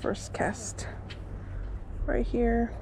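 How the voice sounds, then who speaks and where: A woman hosting a casual camping vlog outdoors by lakes and creeks, relaxed and chatty. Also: fairly high pitch, drawn-out words, low-quality recording. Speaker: vlogger, camping host. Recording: outdoor background noise.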